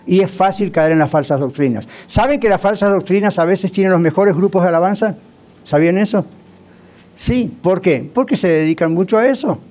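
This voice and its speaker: A man's voice: high-pitched, a little mellow. A male pastor preaching a sermon in a conversational way, often asking the congregation rhetorical questions.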